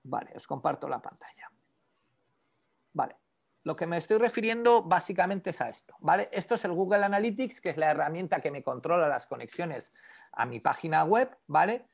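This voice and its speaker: A man teaching an online class on e-commerce, conversational and animated, constantly checking in with his students. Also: on the high side, fairly quick, gravelly. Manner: conversational, peppers speech with "¿vale?"; animated, lively explanations with asides to students. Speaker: e-commerce instructor.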